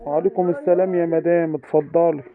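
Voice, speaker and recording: A man's voice: on the high side, fairly even intonation, fast talker, background noise. A man with an Egyptian accent playing a reproachful school principal in a comedy sketch. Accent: Egyptian Arabic. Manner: lecturing, reproachful. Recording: tinny phone-like dry sound.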